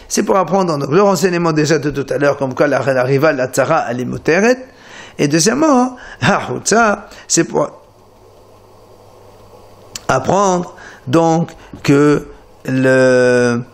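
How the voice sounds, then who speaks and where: Animated man teaching Talmud. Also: on the high side, measured pace. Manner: animated explanation, many restarts, Hebrew terms. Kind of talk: Talmud lesson explaining a page. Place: Marseille study center.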